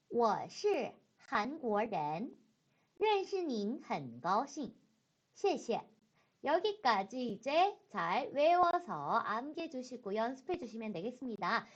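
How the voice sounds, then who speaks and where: A woman teaching high school Chinese in an online lecture, slowing down to model phrases and stressing key points. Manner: slow, careful model pronunciation of Chinese phrases; lively, rising emphasis on key points. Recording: dull lo-fi recording.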